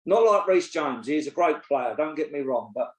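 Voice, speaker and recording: Slightly high and animated, the voice moves at normal speed. It's a man in his 60s, a co-host and pundit on a casual football podcast, who is blunt, opinionated, and swears freely throughout the casual chat. Echo from the room is audible in the recording.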